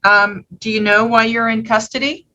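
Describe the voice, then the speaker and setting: Bright-voiced, patient female judge. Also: on the high side, steady tone, moderate pace, lo-fi sound. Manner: patient, plain-spoken. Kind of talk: questioning a defendant in court.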